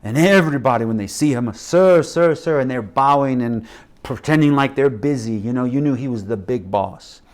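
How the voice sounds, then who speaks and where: Middle-aged man, sermon storyteller, lively and dramatic, swings from loud to hushed. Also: medium pitch, fairly quick. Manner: animated storytelling with acted quotes and shifting loudness. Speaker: missionary preacher.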